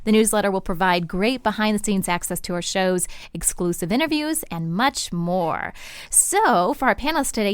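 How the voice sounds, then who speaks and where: A woman's voice: medium pitch, clear, resonant tone, dry recording. Woman podcast host, dry studio. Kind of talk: upbeat show hosting.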